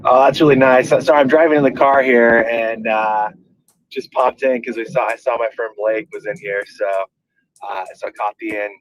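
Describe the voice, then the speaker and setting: A man's voice: mid-range voice, steady tone, normal speed, dry recording, low-quality recording. A man calling in from his car over the speakerphone, talking earnestly and rambling with many restarts. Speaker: caller, activist organization leader. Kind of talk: casual call-in remarks. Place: driving in a car.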